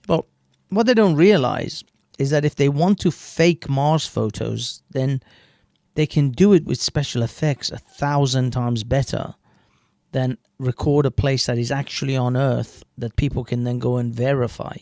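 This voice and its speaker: A man's voice: mid-range voice, measured pace, a little mellow, no room sound, clean studio sound. A man with a British accent, hosting a livestream and arguing his point in casual commentary, laughing at his own jokes. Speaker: livestream host.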